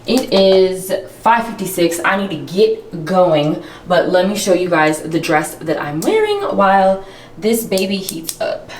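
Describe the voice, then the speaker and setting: A woman's voice: fairly low pitch, very animated, a little slow, a little hiss or hum. A woman fashion vlogger chatting casually with viewers while getting ready, in a playful, talkative way. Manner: chatty, playful, talks to viewers as "you guys" and "y'all". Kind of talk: casual get-ready-with-me chat. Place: hotel room. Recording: echoey hotel room.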